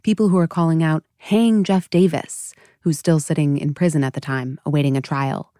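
A woman's voice: low voice, steady tone, quick pace, dark tone, no room sound, clean studio sound. A woman hosting a podcast, reading scripted history narration in a wry, conversational storytelling manner. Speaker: podcast host.

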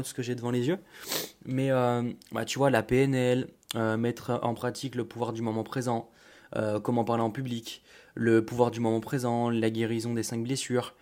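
A man's voice: medium pitch, dark tone. A young man hosting a casual solo podcast, rambling with many fillers and restarts while talking straight to the listener. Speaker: podcast host.

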